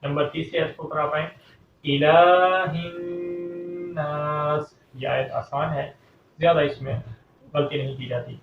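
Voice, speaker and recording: A man teaching a step-by-step recitation lesson, explaining calmly and pausing to chant verses slowly. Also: fairly high pitch, creaky, soft background music. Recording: echoey, distant, dull lo-fi recording with faint hum.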